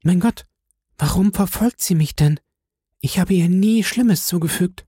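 A gentle, frightened young noblewoman, voiced by a man reading an audiobook, pleading with a soft, breathy tremble. Her tone stays warm and mellow, never sharp. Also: high voice, measured pace, dry recording, clean studio sound, voice pushed up. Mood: anxious pleading.

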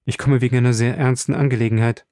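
A man reading the part of an earnest young gentleman in an audiobook, polite and pressing, a bit raised in pitch. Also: flat delivery, fast talker, dry recording, clean studio sound, lightly acted. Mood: earnest, urgent.

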